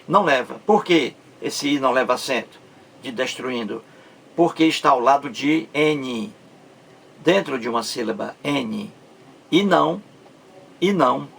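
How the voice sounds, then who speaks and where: A man's voice: medium pitch, creaky, fairly bright tone, slight background noise. A man teaching a grammar lesson, drawing words out syllable by syllable and often asking his listeners if they understood. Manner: slow, stretches out words syllable by syllable, asks rhetorical check-ins. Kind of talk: explanatory video lesson.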